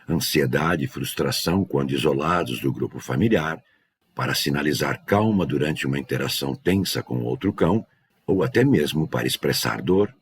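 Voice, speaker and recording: A man working as a dog trainer, giving a measured, scripted educational narration. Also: rumbling low, husky. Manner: measured, explanatory delivery.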